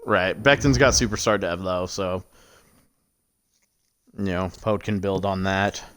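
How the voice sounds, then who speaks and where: A man co-hosting a casual live stream about a sports simulation league, relaxed and full of fillers. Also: deep voice, a little slow, smooth. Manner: relaxed, filler-heavy, laughs easily. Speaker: league show co-host.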